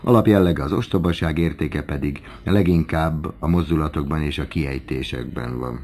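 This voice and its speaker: Deep-voiced male audiobook narrator. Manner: measured, even reading. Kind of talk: scripted literary narration.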